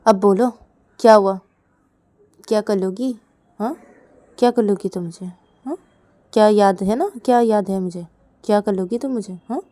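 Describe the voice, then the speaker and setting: A woman voicing a defiant, sharp-tongued young woman who scolds and bosses. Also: mid-range voice, sing-song, normal speed. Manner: bossy, scolding.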